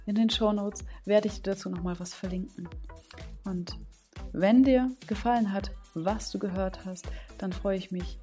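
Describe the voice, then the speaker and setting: Faint music plays behind a business coach hosting her own podcast, who speaks at a moderate pace in a steady, warm, mid-range voice. She keeps things informal, asks "ja?" often, and performs brief quoted voices of the gut and the head.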